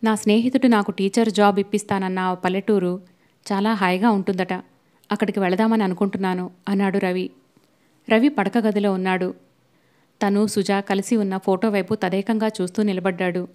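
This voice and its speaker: A woman's voice: mid-range voice, steady tone, a little fast, a little mellow. Woman narrating a novel audiobook. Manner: reads all characters' dialogue in her own voice.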